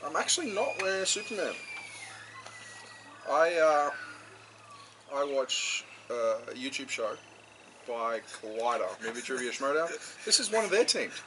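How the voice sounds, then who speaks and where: A man's voice: medium pitch, big pitch swings, measured pace, long pauses. Chatty man hosting casual talk. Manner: rambling, chatty, full of fillers. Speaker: host. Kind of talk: casual conversation. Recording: noticeable background noise.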